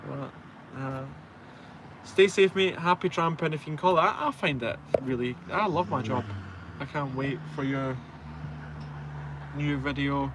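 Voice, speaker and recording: A Scottish truck driver in his twenties hosts a live stream, chatting informally and answering viewers with self-deprecating banter. His mid-range voice is a little slow, with some background noise.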